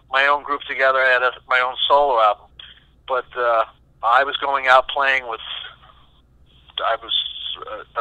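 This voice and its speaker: A session guitarist, interviewed as a guest, tells stories animatedly in a mid-range voice that is bright, forceful, and pointed, acting out quoted voices and frequently stopping to restart. The recording is dry, close, and rough, with no room sound.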